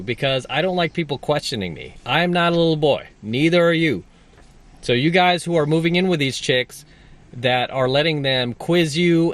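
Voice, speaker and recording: A man's voice: a little high, a bit bright, no echo. A man giving a blunt, emphatic coaching monologue as a dating coach, repeating his points for stress.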